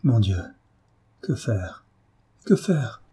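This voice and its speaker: A man's voice: lowish voice, big pitch swings, extremely slow, mellow, breathy edge, exaggerated voice. A man voicing a panicked female servant, fretful and pleading, in a storybook reading. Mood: alarmed.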